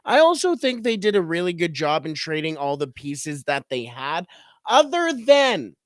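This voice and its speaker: Podcast cohost dude, kinda high voice, gets emphatic, dry studio sound. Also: male voice, very animated, normal speed, no echo. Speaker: podcast co-host. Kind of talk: casual sports podcast chat.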